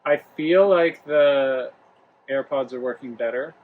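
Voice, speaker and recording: Narrow, tinny audio with a little hiss or hum captures a mid-range male voice moving a little slowly. He's a young travel vlog host from Rhode Island doing a casual home product review vlog at home, in the living room near the kitchen, talking loosely with fillers and restarts.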